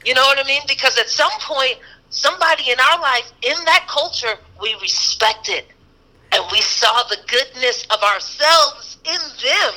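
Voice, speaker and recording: A woman's voice: high voice, unhurried, bright, forceful tone, poor audio. A woman talking conversationally in a casual chat, with some fillers.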